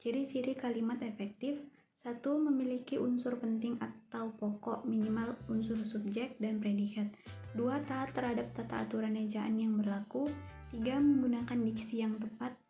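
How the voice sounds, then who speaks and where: A young woman from Indonesia, a university student, reads her class presentation aloud, numbering each point in steady lists. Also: on the high side, moderate pace, faint music behind. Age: young adult.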